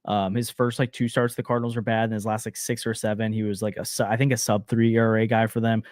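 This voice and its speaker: A man's voice: fairly low pitch, flat delivery, darkish tone, dry recording, studio quality. Man in casual baseball talk. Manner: hedging, filler-heavy, quick restarts. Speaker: podcast co-host.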